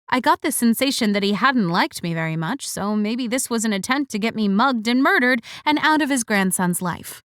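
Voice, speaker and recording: A woman narrating a first-person romance audiobook with an expressive, wry delivery. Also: on the high side, no echo, studio quality. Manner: expressive, wry inner monologue.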